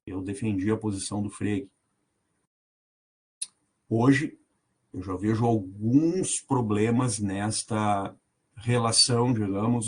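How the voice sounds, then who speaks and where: A man's voice: lowish voice, slightly rough. A middle-aged man, a professor explaining a reading to a seminar group and often checking in with "tá?". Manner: explanatory, frequent "tá?" check-ins, reads aloud from text. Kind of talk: online seminar lecture.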